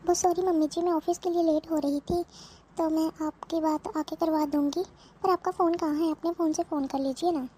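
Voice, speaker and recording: Woman voicing a polite young cartoon bahu, firm and lecturing, even high voice. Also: brisk, slight background noise. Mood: calm lecturing. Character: sensible young working daughter-in-law, polite and firm. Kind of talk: cartoon voice acting.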